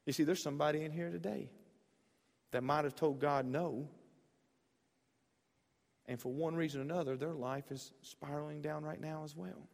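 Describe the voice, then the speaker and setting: A young man preaching a sermon in church, telling stories and swinging from loud, animated bursts to quiet, intimate stretches. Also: a little high, moderate pace, gravelly, pauses often, in a large hall. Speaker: pastor.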